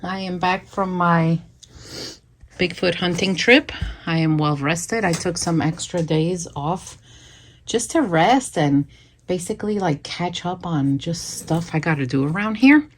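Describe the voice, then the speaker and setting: This worm farming channel host speaks in a lowish, unhurried voice while standing outdoors by her worm bins. She's got the hiccups but stays chatty and enthusiastic, repeating herself and using fillers in a relaxed vlog chat.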